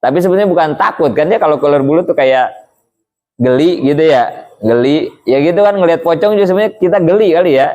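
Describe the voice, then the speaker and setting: A man's voice: a little high, racing, darkish tone, dull audio. Chatty man. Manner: chatty, keeps asking rhetorical questions. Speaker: Islamic teacher. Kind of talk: casual religious lesson.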